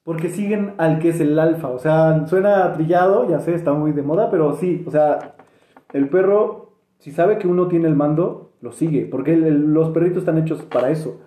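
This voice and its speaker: Speaking with a Mexican accent in a warm voice on the high side, a man co-hosts a laid-back podcast at a moderate pace. He reflects hesitantly, full of fillers and restarts, in an echoey room.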